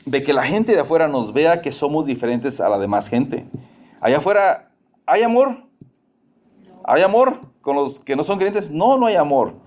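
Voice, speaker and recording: A man's voice: medium pitch, a little mellow. A man in his fifties preaching a sermon in a conversational way, asking the congregation questions and dropping in English phrases. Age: 50s. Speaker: pastor.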